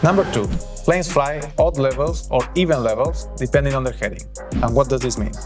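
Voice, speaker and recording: Over clearly audible background music, a Spanish-accented man from Spain narrates an instructional explainer. His delivery is lightly scripted, his pitch medium, and his pace a little quick.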